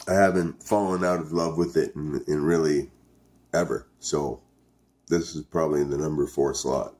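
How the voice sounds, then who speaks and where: A man from Canada chatting casually to his viewers as a vlog host, hesitant and thinking aloud as he goes. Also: deep voice. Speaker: video host reviewing dipping tobacco. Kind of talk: casual, rambling vlog chat.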